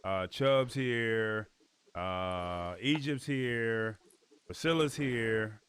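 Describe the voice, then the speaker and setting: A man's voice: on the low side, extremely slow, a bit bright, clean tone, dry recording. A man producing an online show, talking in an easygoing, organizing way over a video call. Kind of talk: casual chat.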